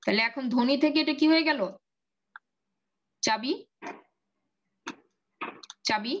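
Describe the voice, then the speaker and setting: A woman's voice: high voice, slow pace, lo-fi sound. A woman teaching an online Arabic grammar class, patiently drilling word endings and asking her students questions.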